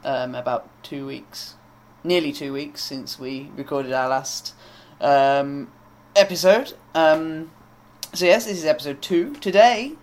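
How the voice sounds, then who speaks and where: A young man in his twenties co-hosting a podcast, chatty and quick to laugh, with a few ums along the way. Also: fairly high pitch. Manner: chatty, laughs often, hesitant with fillers. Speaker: podcast co-host. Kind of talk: casual chat.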